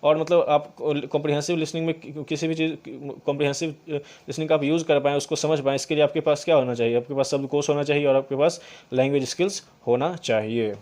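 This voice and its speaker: A man from India, teaching an exam-prep lesson. He reads English definitions slowly and explains them in Hindi, with many fillers and restarts. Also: a little high, fairly even intonation, a little mellow. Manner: many fillers, repeats words.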